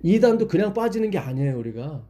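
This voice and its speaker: A man's voice: a little high, very animated, fast talker, dark tone. A man leading a Bible study, explaining patiently and asking his listeners questions.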